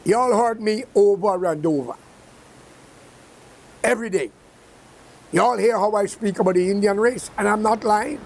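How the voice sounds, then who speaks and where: A man with a Guyanese accent delivers a seated political monologue in a high, strained register. He talks bluntly and heatedly, throwing in curses as he goes. A faint low rumble sits behind his voice. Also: measured pace, gravelly, long pauses, a little mellow. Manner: blunt, heated and profane ranting. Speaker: political commentator. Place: seated indoors.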